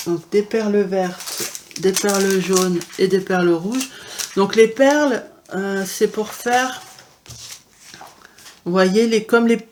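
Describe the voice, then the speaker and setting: A woman vlogger with a mid-range, darkish voice shows off her cross-stitch kits in a casual, chatty show-and-tell. She often uses fillers and restarts her sentences, and there's a little hiss or hum in the recording.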